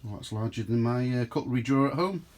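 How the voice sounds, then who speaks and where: This walkaround review comes from a UK man who deals in and reviews motorhomes, touring one while it rains outside and addressing viewers as folks. The handheld camera mic catches his mid-range voice, quick pace, and some background noise.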